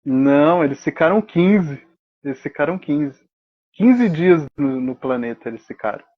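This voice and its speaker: A man's voice: fairly high pitch, animated, measured pace, muffled recording. A man with a Brazilian Portuguese accent, co-hosting a podcast and chatting casually while he retells scenes from a TV episode. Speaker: podcast co-host.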